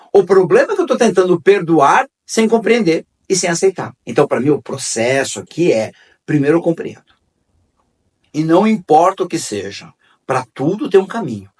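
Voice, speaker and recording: A man's voice: sits high, slightly rough, far from the mic. A man hosting a conversational talk on forgiveness, repeating key phrases and telling stories. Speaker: host.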